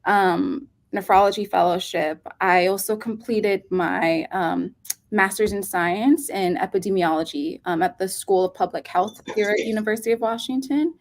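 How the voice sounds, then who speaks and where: A woman in her thirties from Hawaii, speaking as a pediatric nephrologist guest in an earnest, unhurried way with many um fillers. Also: medium pitch. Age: 30s. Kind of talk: casual interview talk.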